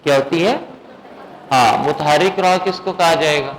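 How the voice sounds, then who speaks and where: Man, tajweed teacher, fairly high voice, patient, keeps checking understanding, slight hiss behind. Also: rough recording. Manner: drawn-out demonstration of recited words. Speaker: Quran recitation teacher. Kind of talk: classroom lesson on tajweed.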